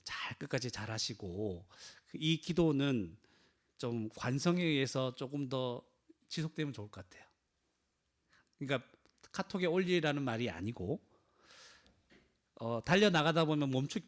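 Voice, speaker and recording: A man's voice: medium pitch, lively intonation, moderate pace. A man preaching a sermon in a conversational style, often asking the congregation questions. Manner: acts out quoted cries with a raised voice. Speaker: pastor.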